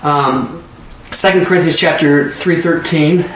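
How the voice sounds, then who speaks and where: A man teaching an informal bible lesson in an animated way, often slipping into voices. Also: a little high, unhurried, a little hiss or hum. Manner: animated, jumps into acted-out voices. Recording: roomy echo from a distant mic.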